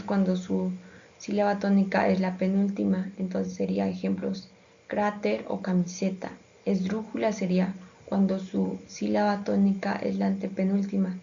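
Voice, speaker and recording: A woman's voice: mid-range voice, creaky, mellow, a little hiss or hum. A woman reading a school presentation, hesitant and full of fillers. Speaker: student presenter. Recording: dull lo-fi sound.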